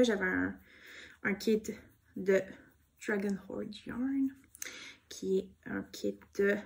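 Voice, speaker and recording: Quebecois lady vlogging about knitting, slow and soft, lots of euh's, bit of fry in her voice. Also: mid-range voice. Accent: Québécois. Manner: soft-spoken, gushing, with frequent fillers and little laughs. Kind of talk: casual show-and-tell chat.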